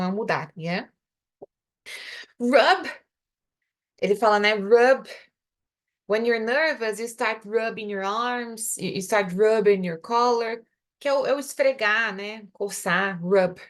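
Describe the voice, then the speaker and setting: Brazilian woman, young adult, English teacher on a live class, medium pitch, slows down to drill example phrases. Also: fairly bright tone. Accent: Brazilian Portuguese. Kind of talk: live online English lesson.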